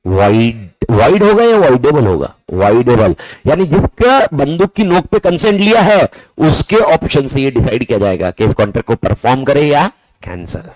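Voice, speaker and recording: A man teaching a lively lecture, asking his students questions and answering them himself, repeating key words and calling them "boss" and "brother.". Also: mid-range voice, normal speed, dry recording, poor audio.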